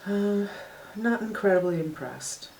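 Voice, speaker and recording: A woman's voice: mid-range voice, expressive, unhurried, gravelly, a little mellow, slight background noise, poor audio. An older woman narrating a casual makeup tutorial, giving a frank, matter-of-fact review of eyeshadows as she swatches and applies them. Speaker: beauty vlogger.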